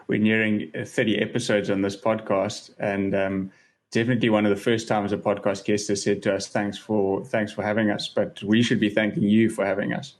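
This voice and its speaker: A man hosting a podcast, welcoming listeners and introducing the episode in a measured way. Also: lowish voice, level tone. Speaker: podcast host.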